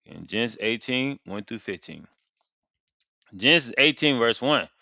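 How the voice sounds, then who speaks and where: A man's voice: mid-range voice, animated, normal speed, vocal fry, bright, forceful tone, dry recording. Man preaching a casual bible lesson. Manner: colloquial, reads verses then paraphrases in slang. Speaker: street preacher teaching scripture. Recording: dry, dull lo-fi sound.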